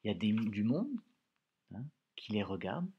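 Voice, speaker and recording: A man's voice: on the low side, sing-song, a little slow, breathy edge, lo-fi sound. A male teacher leading a reading lesson for pupils, explaining words patiently and repeating phrases.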